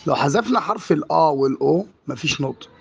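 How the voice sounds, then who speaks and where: A teacher with an Egyptian Arabic accent explains French vowel sounds, drawing out each example word slowly and repeating it. His voice is a little high and animated, with vocal fry and a breathy edge, on a dull lo-fi recording.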